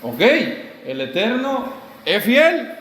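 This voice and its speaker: A man's voice: very high-pitched, huge pitch swings, slow pace, a bit bright. Man preaching in an echoey hall. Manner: rhetorical questions answered himself. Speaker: pastor. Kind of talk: sermon.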